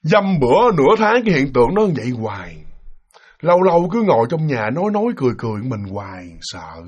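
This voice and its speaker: Fast, lively male storyteller. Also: mid-range voice. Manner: animated, acts out quoted voices with shouting. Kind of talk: casual spoken ghost story narration. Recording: dull lo-fi recording.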